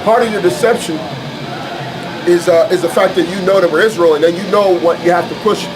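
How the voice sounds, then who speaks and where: An American man with a high voice preaches and teaches scripture informally, talking a little fast over music on a rough recording. As a street preacher and Bible teacher, he argues his points emphatically, repetitively, and colloquially.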